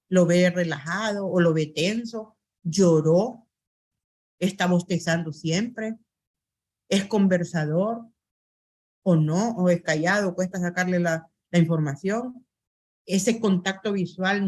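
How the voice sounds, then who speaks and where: A woman lecturing an online university class, going through items one by one in a methodical way with frequent hesitation fillers, on a computer mic over a video call. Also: lowish voice.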